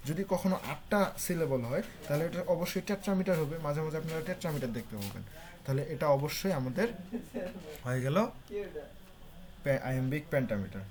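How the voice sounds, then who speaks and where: A man's voice: on the high side, animated, brisk, a crowd in the background. Man lecturing with many uh fillers. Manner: mixes English terms into explanations, frequent "uh" fillers. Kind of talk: online class lecture.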